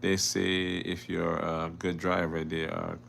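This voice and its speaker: A middle-aged Jamaican driving instructor hosts a casual live Q&A, reading viewer questions aloud and answering them plainly. His voice is low and a bit bright with vocal fry, moving slowly with little pitch variation. He often repeats words and restarts his sentences.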